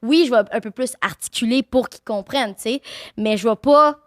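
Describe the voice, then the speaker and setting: Woman, Québécois accent, high voice, dry close mic, animated storytelling. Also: fairly quick, no room sound. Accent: Québécois French. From Quebec. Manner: animated storytelling, lots of fillers. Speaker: guest streamer. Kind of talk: casual podcast chat.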